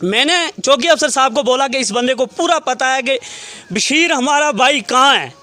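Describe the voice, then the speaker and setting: A man's voice: very high-pitched, pushed and bright, no room sound. A man, a relative of a murder victim, recounting events to a reporter in detail and quoting what each person said.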